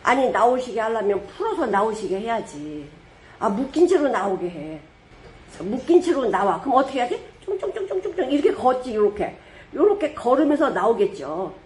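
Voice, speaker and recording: Lively, high-voiced woman pastor preaching. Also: normal speed, slight background noise. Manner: lively storytelling, rhetorical questions, sudden loud dramatic quotes. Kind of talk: sermon.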